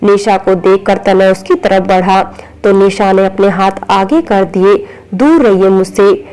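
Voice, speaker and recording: A woman narrating a romantic drama story in an even, unhurried reading voice. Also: mid-range voice, clear, resonant tone, low-quality recording.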